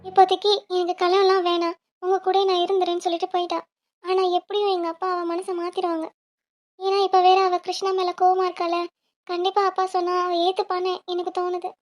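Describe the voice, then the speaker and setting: A woman doing a shrill young girl student. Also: completely flat delivery, quick pace. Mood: worried. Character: young woman student, quick-tempered, loyal to her family.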